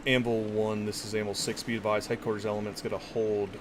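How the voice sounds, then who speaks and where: A man's voice: level tone, fast talker. A man giving clipped orders in military radio procedure as the commander in a military simulation game. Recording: very noisy, clicks and vehicle rumble.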